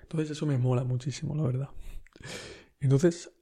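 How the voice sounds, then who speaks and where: A man with a Spain Spanish accent tells a story in a relaxed podcast monologue. His voice is very dark and mellow. He rambles along in a slangy way, full of fillers and asides to the listener. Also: medium pitch, normal speed, husky. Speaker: podcast host.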